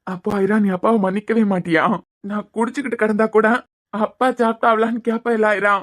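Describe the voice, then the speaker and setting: A woman voicing a grieving young father, a doctor, who pleads softly and sorrowfully with his frightened daughter in Kanyakumari Tamil. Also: medium pitch, fairly even intonation, a little fast, lightly acted. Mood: pleading. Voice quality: pleading, sorrowful, repeating the child's name. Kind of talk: cartoon voice acting.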